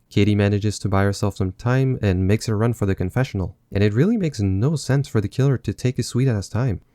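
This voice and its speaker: A man narrates a film recap, breaking in with sarcastic, mocking jokes. His voice is low-set and mellow, recorded dry and close. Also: no room sound. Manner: sardonic, mocking asides. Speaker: film reviewer. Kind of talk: sarcastic movie recap commentary.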